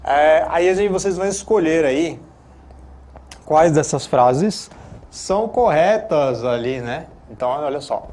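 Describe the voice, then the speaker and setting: A man's voice: a little high, a little mellow. Chatty Brazilian man teaching a lesson. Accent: Brazilian Portuguese. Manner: chatty, repeats filler tags, self-corrects. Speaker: studio English teacher. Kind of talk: classroom lesson, explaining. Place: TV lesson studio.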